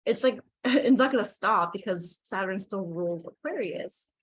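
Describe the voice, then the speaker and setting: A woman's voice: mid-range voice, moderate pace, breathy edge, no room sound. A woman co-hosting a podcast in a rambling, casual chat, heard through a faulty mic that makes her sound muffled and underwater. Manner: rambling, heavy use of filler "like". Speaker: podcast co-host. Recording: muffled, distant faulty microphone.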